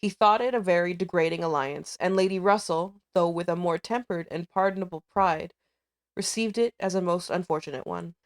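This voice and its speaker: A woman narrates a classic novel like an audiobook, reading in carefully measured, deliberate phrases. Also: fairly low pitch. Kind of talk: audiobook-style literary narration.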